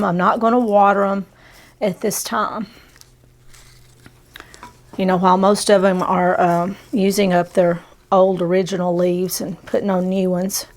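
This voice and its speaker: A woman's voice: medium pitch, creaky, a little mellow. A woman hosting a casual gardening how-to in a folksy way, her voice a little under the weather from a sore throat. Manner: folksy, dropped endings like "gonna" and "'em". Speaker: host of a gardening channel. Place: greenhouse.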